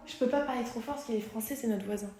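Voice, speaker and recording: A woman's voice: a little high, quick pace, slight background noise. A young woman in her twenties chatting dramatically for her travel vlog, filming on her phone outdoors and indoors. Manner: excitable, dramatic, switches to hushed whispering. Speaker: travel vlogger. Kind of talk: casual vlog chat. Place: outdoors on streets and indoors in an apartment.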